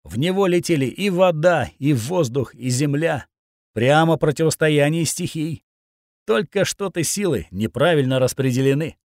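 A man narrating a first-person action audiobook in a steady, grim storytelling voice, recorded on a close studio mic. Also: a little high, normal speed, dry recording.

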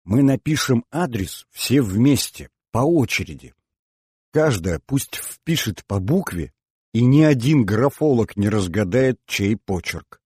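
A man reading an audiobook voices a brisk, bossy teenage girl who leads her friends. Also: medium pitch, expressive, a little mellow, breathy edge, dry recording, studio quality. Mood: eager. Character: eager teenage girl, the group's ringleader.

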